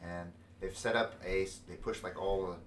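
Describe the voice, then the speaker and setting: A man narrating as dungeon master of a tabletop game, excitable and quick to laugh. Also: deep voice, a little hiss or hum. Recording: echoey room, mic far off.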